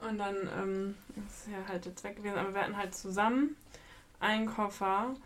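A woman's voice: mid-range voice, steady tone, fairly quick, slight background noise. Woman, casual podcast co-host, mid voice, rambling storyteller. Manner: chatty storyteller, fond of "halt" and "so". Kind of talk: casual chat.

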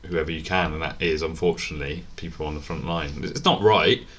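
A man's voice: very deep voice, a bit bright. A British man co-hosting a casual podcast chat, joking and questioning his co-host. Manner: joking, quick to laugh.

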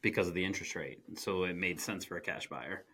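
A man's voice: deep voice, brisk, pushed and bright, husky. A man hosting a casual podcast conversation, mostly adding short agreeing remarks. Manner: brief agreeing interjections.

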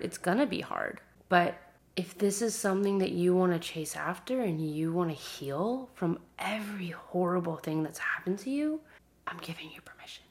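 A woman in her thirties, a podcast host, speaking directly to listeners in an earnest, encouraging personal monologue that sometimes drops to a soft whisper. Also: fairly low pitch, creaky. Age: 30s.

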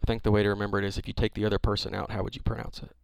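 Casting: jokey man in his thirties, gravelly voice, dry close mic. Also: lowish voice, flat delivery, racing, dry recording. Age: 30s. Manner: laid-back, jokey, acts out quotes. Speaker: podcast co-host. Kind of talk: casual chat.

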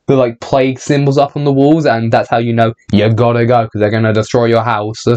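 A man's voice: medium pitch, flat delivery, a little fast, a little mellow, highs cut off. A man hosting a casual podcast with friends, rambling and laughing often. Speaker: podcast host and video editor. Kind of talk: casual banter.

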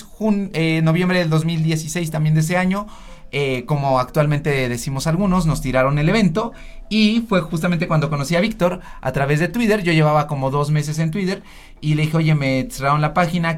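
Joking Mexican man, fairly high voice. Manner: sarcastic, joking storyteller. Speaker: doctor and social media health creator. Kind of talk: panel talk, personal storytelling.

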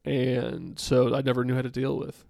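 A man's voice: medium pitch, level tone, moderate pace, creaky, a little mellow, no echo, studio quality. A man in his late twenties in a casual, thoughtful chat with his partner, rambling with many fillers and restarts. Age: late 20s.

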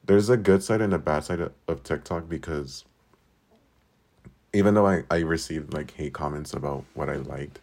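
A man's voice: a bass voice, moderate pace, darkish tone. A twenty-year-old man from California, talking alone in a rambling, casual way, full of "like" and swearing. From Southern California. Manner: rambling, filler-heavy with lots of "like" and frequent swearing. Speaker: podcast host. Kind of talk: casual solo monologue.

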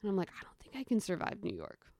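Young woman, podcast guest; casual, animated storyteller, mid-range pitch, acts out the quotes, dry recording. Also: quick pace, dry recording.

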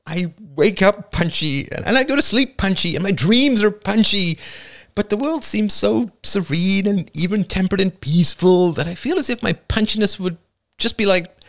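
A man voicing a restless, punchy teenage girl in an audiobook reading, animated and self-mocking. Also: sits high, normal speed, creaky, voice pushed up. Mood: spirited.

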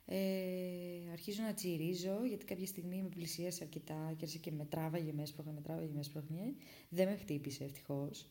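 Young woman from Greece, vlogger telling her own story; low, gravelly voice, dark tone, dramatic whisper-to-burst delivery. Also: fairly even intonation. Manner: dramatic retelling that swings between hushed whispers and loud bursts. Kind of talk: casual storytelling.

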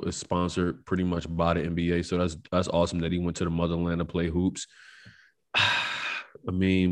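An American man co-hosting a podcast, talking in a loose, slangy, animated way. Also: low voice. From United States. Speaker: podcast co-host. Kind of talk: casual chat.

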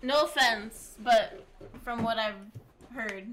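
A woman with a high voice chimes in on a casual podcast, slow-paced and teasing, with giggly asides. She sits a little off-mic, and a clear background noise runs under her voice. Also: fairly bright tone, rough recording. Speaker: podcast co-host.

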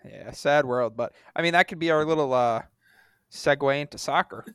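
A man's voice: a little high, normal speed, clear, resonant tone, no echo, studio quality. A man co-hosting a sports podcast with casual banter and a wry, dismissive fan's manner.

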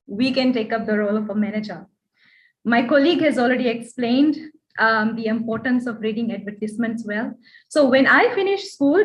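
A woman with a Fijian accent giving a prepared presentation as a guest speaker, earnest and advisory. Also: a little high. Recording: dull online call audio.

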